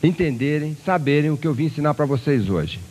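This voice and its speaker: A man's voice: on the high side, animated, a little fast, a little mellow, husky. A man voicing a self-assured doctor who demonstrates an experiment in a lecture joke. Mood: instructive. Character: self-assured male doctor giving a talk.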